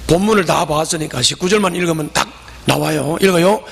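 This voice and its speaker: A man preaching a lively sermon as a pastor, telling the story and speaking directly to his congregation. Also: a little high, a little fast, creaky, slightly rough. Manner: animated, storytelling, talks to the congregation. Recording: long hall reverb.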